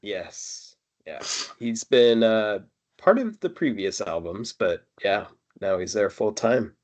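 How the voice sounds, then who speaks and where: A man's voice: lowish voice, expressive, slow pace, a little mellow. A man co-hosting a casual album review chat, rambling with fillers. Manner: chatty, lots of fillers and laughs. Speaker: podcast co-host.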